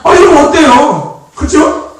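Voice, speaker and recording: High, lively-voiced male pastor in an echoey hall. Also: a little slow. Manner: animated and chatty, laughs often, prompts the congregation for amens. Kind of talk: informal sermon. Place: church sanctuary. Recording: echoey hall, distant mic, faint noise.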